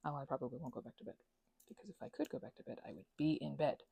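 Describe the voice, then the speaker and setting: An ASMR and audio creator with a heavily creaky, husky voice rambles casually and playfully, her pitch swinging as she cuts herself off with asides. She's animated and rapid-fire, with a dark tone in a dry recording.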